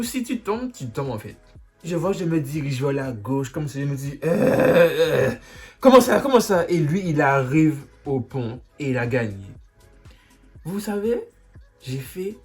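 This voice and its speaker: A man vlogger telling a storytime, his voice animated and jumping widely in pitch. He punctuates the tale with dramatic sound effects. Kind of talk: storytime vlog.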